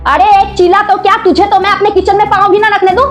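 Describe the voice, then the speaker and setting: Lady acting as a bossy saas yelling, super high pitched voice, faint music behind. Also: animated, fairly quick. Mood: angry scolding. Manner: scolding, shouting. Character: harsh bossy middle-aged mother-in-law. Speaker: mother-in-law. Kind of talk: family skit acting.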